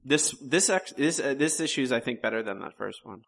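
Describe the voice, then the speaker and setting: A man of ordinary pitch co-hosts a podcast, his voice carrying a gravelly fry. He talks casually and hesitantly, leaning on fillers and trailing off. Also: lively intonation, a little fast, a bit bright. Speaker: podcast co-host. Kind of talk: casual chat.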